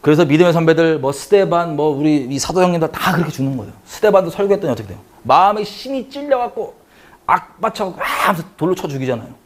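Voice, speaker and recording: Korean guy teaching bible study, talks real fast, kinda high voice, keeps asking the room questions. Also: animated. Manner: fast, conversational, asks the listeners questions.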